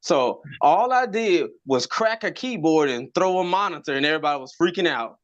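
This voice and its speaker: A man doing a stand-up set, telling animated stories and often repeating his words as he stammers. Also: on the high side, a little fast, highs cut off. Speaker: stand-up comedian.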